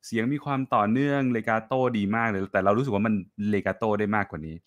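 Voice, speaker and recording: A man's voice: lowish voice, fast, dull audio. A man teaching a classical singing masterclass online. He talks in a friendly, encouraging way, sings short phrases to demonstrate, and drops English and Italian musical terms into his speech.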